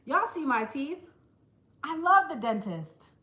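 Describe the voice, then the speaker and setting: Bright-voiced woman chatting to camera. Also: high voice, takes it slowly, echoey room, poor audio. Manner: chatty, animated storytelling with quoted voices. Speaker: vlogger. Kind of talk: casual chat to camera. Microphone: small handheld camera.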